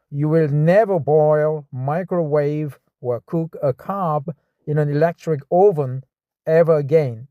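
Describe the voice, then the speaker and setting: Slow Korean-accented man reading aloud. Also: fairly high pitch, warm tone, no echo. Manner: slow, repeats and practices words. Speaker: reader studying English.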